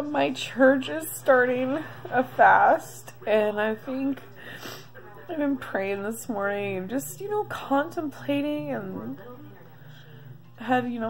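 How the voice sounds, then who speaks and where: A woman in her thirties talking through a confessional video diary, emotional and close to tears, halting with many pauses. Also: on the high side, gravelly. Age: 30s. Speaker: vlogger.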